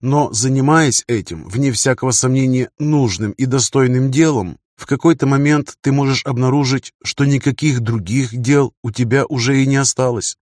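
A man voicing a calm, wise male ruler who speaks in slow, deliberate, lecturing sentences. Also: medium pitch, dry recording, studio quality, lightly acted. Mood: measured.

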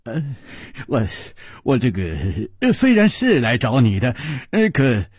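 一位男性说书人演绎一个慌张尴尬的年轻男剑客，说话结巴，语气犹豫。. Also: male voice, medium pitch, huge pitch swings, unhurried, a little mellow, slightly rough, no echo, studio quality, exaggerated voice. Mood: flustered. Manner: stammering, nervous, awkward laughing. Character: charming young male swordsman, flustered. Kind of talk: storytelling character voice.

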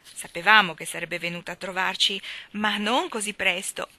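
Woman reader playing a giddy gossiping young girl, bright and high, dry. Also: fairly even intonation, normal speed, no echo. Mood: chatty. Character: excited, chatty young girl, the best friend.

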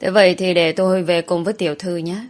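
A woman voicing a loyal, timid young palace maid who speaks gently and deferentially. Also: on the low side, steady tone, fast talker, lightly acted. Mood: gentle.

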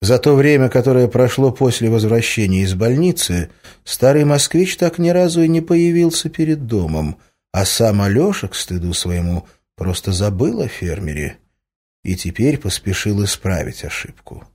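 A man narrating a novel as an audiobook in an expressive storytelling manner. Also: medium pitch, normal speed.

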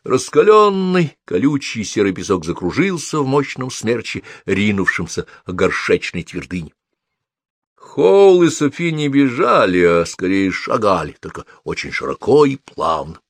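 A man reading a novel aloud as audiobook narrator, with steady, measured storytelling. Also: lowish voice, no room sound, clean studio sound. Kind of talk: scripted narration.

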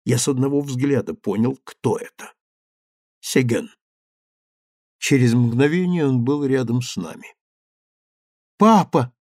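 A man narrating a first-person adventure novel in a measured, expressive reading. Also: mid-range voice, dry recording, studio quality. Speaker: audiobook narrator.

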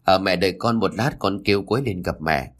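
A man's voice: low voice, fast talker, pitched below the performer's own voice. A man voicing the stern husband of a household in a spoken story, curt and commanding. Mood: gentle.

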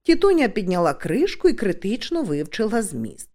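Expressive woman reading a storybook. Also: mid-range voice, normal speed. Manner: expressive, voices each character. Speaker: audiobook narrator. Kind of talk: scripted narration of a comic fantasy novel.

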